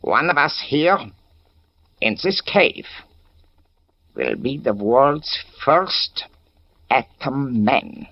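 An actor playing a coldly grandiose, fanatical Nazi villain with a German accent in a 1940s radio serial. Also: male voice, mid-range voice, animated, heavily acted. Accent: German, put on for the role. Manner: menacing, deliberate, theatrical. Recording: dull old radio broadcast recording.

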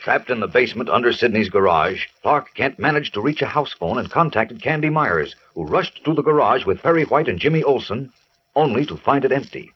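A man's voice: mid-range voice, expressive, fairly quick, slightly rough. A man narrating a radio serial as an old-time announcer, in a theatrical, suspenseful manner. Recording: muffled vintage radio recording.

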